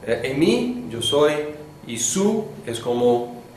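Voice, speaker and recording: A man teaching a beginners' Greek lesson in class, talking slowly and thinking aloud with many fillers. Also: mid-range voice, big pitch swings, a little mellow, slight background noise. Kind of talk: classroom lecture. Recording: echoey classroom from a distant mic.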